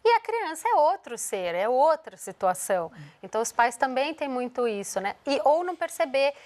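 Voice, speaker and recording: A woman's voice: high-pitched, big pitch swings, moderate pace, darkish tone. A woman from Brazil, a guest on a TV morning show, explaining how parents can handle tantrums and acting out what a parent might say. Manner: explanatory, acts out parent and child lines. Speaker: educational psychologist guest. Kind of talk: TV morning show interview, giving parenting advice.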